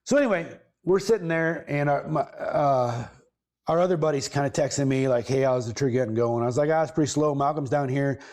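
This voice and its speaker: Man, podcast host, casual storytelling, rambling, self-correcting, mid-pitched. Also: brisk, darkish tone.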